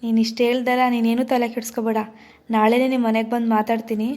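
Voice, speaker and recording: A woman's voice: a little high, level tone, fast, close to an everyday voice. [name], a woman playing a fiery lover. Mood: reassuring. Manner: forceful threats, gentle reassurance. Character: young village labourer man, protective, hot-tempered lover.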